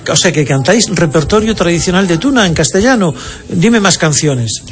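A man's voice: high-pitched, animated, moderate pace, faint music behind. A man from Spain interviewing a guest, friendly and joking as he asks his questions.

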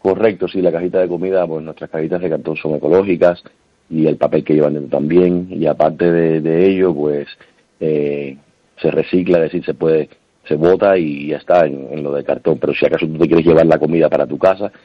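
A Cuban man in his thirties, a restaurant owner and singer, talking relaxed and chatty in a radio interview, with many restarts. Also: very deep voice, fairly quick, no room sound. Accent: Cuban Spanish. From Cuba. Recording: dull, lo-fi phone line.

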